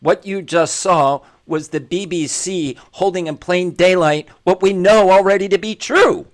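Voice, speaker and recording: A man hosting a commentary show, with a voice pitched a little high for a man. He talks in an emphatic, preachy way and hammers each point home by repeating it. He is blunt, and he is just as blunt about himself. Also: a little slow. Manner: blunt and self-deprecating. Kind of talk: opinionated commentary monologue.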